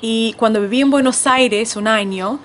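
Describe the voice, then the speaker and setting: Woman podcast host, slightly high-pitched, thoughtful and halting, accent drifts between varieties, faint background noise. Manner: thoughtful, with frequent restarts and fillers; Spanish shifting between several accents. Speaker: podcast host and language author. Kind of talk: reflective personal monologue. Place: California.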